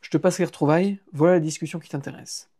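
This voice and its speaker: A man narrating a humorous novel in the first person on a live stream, lively and playful, stopping for chatty asides to listeners. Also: fairly high pitch, quick pace, breathy edge. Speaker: audiobook reader and author.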